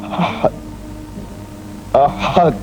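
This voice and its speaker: A man's voice: lo-fi sound, music in the background, lightly acted. An actor playing a tortured enslaved man who defiantly repeats a single word of faith. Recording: film scene with score underneath.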